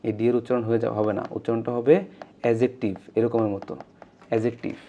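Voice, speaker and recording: A man teaching an English grammar lesson, repeating key points, drawing out words slowly and asking his learners questions. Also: mid-range voice, little pitch movement, dark tone, dull audio, slight background noise.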